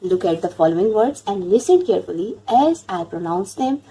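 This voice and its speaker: A woman's voice: medium pitch, lively intonation, extremely slow, mellow, breathy edge, low-quality recording. A woman with a Pakistani accent teaching a beginner English lesson, switching between Urdu and English, spelling words out letter by letter and asking questions to the class.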